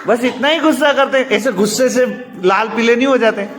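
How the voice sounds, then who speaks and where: A man's voice: very high-pitched, fairly quick, crowd noise. A man with a Gujarati accent teaching a class of young children, coaxing and encouraging them as he mixes two languages. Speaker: primary school teacher. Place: large classroom full of children. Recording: echoey hall with loud children noise.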